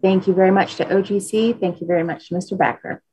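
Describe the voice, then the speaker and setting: A woman's voice: medium pitch, steady tone, quick pace, dark tone, slightly rough, no room sound, low-quality recording. A woman chairing a formal government commission meeting in a courteous, procedural manner.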